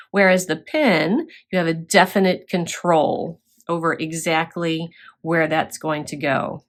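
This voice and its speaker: A woman instructor demonstrating scrapbook crafting step by step, explaining as she works with occasional fillers. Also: lowish voice.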